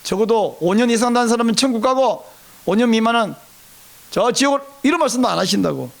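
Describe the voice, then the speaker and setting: High-voiced Korean pastor preaching. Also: male voice, quick pace, creaky. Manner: lively, conversational preaching with rhetorical questions to the congregation. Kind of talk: sermon.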